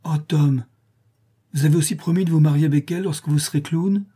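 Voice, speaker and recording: A man's voice: fairly high pitch, moderate pace, warm tone, breathy edge, voice pushed up. A man voicing a little schoolgirl, lifting his voice to sound young and earnest. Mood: tearful. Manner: raised girlish voice, earnest. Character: little girl, shy then easily hurt.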